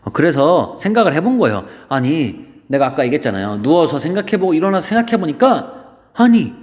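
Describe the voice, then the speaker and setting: A man's voice: on the high side, big pitch swings, fairly quick, darkish tone, big-room sound. A male literature teacher giving a lesson, explaining an old poem through playful, casual modern paraphrases. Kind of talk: classroom-style lecture.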